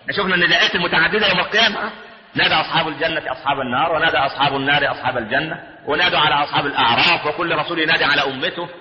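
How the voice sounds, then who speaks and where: A man with an Egyptian Arabic accent delivers a sermon at a rapid clip, his voice sitting high. He throws out rhetorical questions and answers them himself. The recording is muffled and rings with a long, roomy echo. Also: fairly even intonation. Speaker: preacher. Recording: echoey hall with a dull sound.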